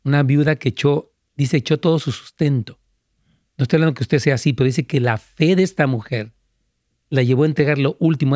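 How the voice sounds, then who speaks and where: A man who is a pastor talks through viewers' questions in a live show, earnest and emphatic, often breaking into easy laughter. His voice sits at an ordinary middle pitch. The sound is close and dry, with almost no room around it. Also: darkish tone, no room sound. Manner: earnest, laughs easily, stresses points emphatically. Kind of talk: live question-and-answer talk.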